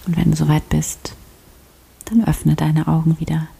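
Breathy low-voiced woman half-whispering prayer. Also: moderate pace. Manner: soft, half-whispered, calm guidance. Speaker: prayer leader. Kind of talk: guided prayer meditation.

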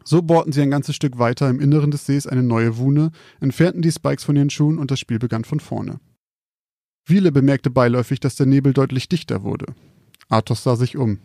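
A man calmly reading out a scripted spooky story in a measured, quiet storytelling manner. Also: medium pitch, dry recording, studio quality.

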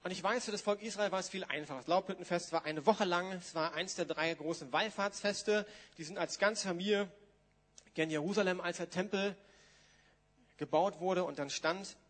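Preacher, a man, casual with the congregation, high voice, big echoing church. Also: normal speed, fairly bright tone. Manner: conversational, reads scripture aloud, talks to the congregation informally. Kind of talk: sermon with Bible reading. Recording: long hall reverb.

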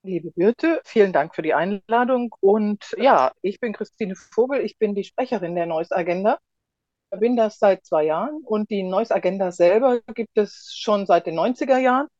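A woman speaks in as a guest explaining things in an interview. Her voice has a medium pitch. The recording is dry and a little dull, with muted detail. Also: normal speed, darkish tone, dry recording. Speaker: spokeswoman of a local association, podcast guest.

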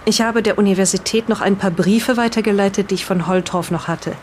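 Absorbed in an old diary, a hesitant and bewildered woman in an audio drama reads aloud in halting fashion, pausing to remark on what she reads. She speaks at medium pitch, near an everyday voice, against slight background noise.

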